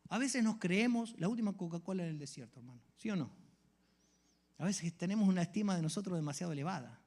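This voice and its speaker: A man preaching a sermon, swinging from hushed whispers to loud exclamations. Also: high voice, expressive, quick pace. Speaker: pastor.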